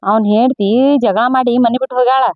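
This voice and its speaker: A woman's voice: a little high, steady tone, quick pace, lo-fi sound, a little hiss or hum. A woman with a North Karnataka Kannada accent, playing a quarrelsome mother in a scripted comedy skit. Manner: quarrelsome, complaining.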